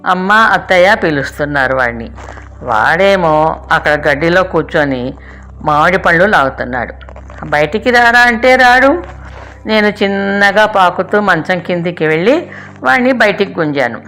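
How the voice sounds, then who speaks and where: Calm older woman narrating a memoir. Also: lowish voice, moderate pace. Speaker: storyteller. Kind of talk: reading a childhood memoir aloud. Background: faint music.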